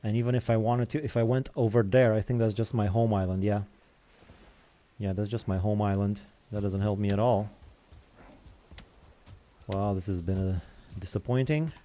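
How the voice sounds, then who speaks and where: A man's voice: fairly low pitch, steady tone, normal speed, pauses often, dark tone. A young man hosting a gaming channel, rambling in casual chatter as he plays and comments on other games.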